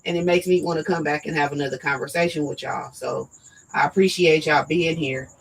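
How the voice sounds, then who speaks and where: Hoarse woman hosting a live talk show. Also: low voice, fairly even intonation, a little fast, slight background noise, rough recording. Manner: direct, emphatic, addresses viewers as y'all. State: losing her voice. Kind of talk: casual live-stream talk.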